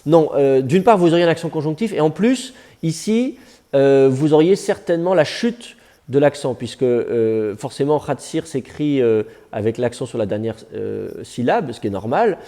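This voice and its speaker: A man's voice: medium pitch, expressive, normal speed, dark tone. A man teaching biblical Hebrew to a class, with a conversational, digressive manner and joking asides. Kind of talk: classroom lecture.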